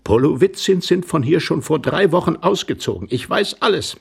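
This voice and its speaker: An actor reading aloud and voicing Glafira, a flustered, effusive young society wife who gushes breathlessly. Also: male voice, a little high, lively intonation, normal speed, vocal fry, breathy edge, voice pushed up, full character voice. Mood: startled, urgent. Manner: breathless, gushing, lilting.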